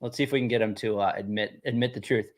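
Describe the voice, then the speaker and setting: A man's voice: fairly low pitch, fairly even intonation, fast talker. Guy hosting a casual demo, talks in loops, repeats himself, laughs a lot. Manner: rambling, repeats words, laughs easily. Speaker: host demoing a game tool. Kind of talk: casual live demo chat.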